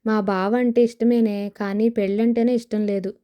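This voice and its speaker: A woman's voice: mid-range voice, little pitch movement, moderate pace, warm tone, close to an everyday voice. A woman voicing a wistful young village woman who dreams of film stardom, in an audio novel. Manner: wistful, sighing.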